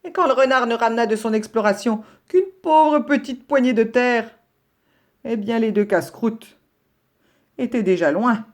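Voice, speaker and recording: A woman teacher reading a children's story aloud with an expressive storytelling delivery. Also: fairly high pitch, moderate pace.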